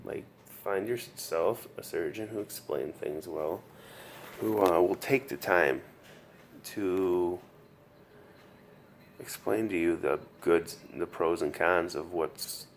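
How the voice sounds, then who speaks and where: Very deep, weary man, slow and halting. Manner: earnest, halting, repeats himself. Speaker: patient sharing his recovery story. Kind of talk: casual video diary with advice. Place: hospital room. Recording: noticeable background room noise.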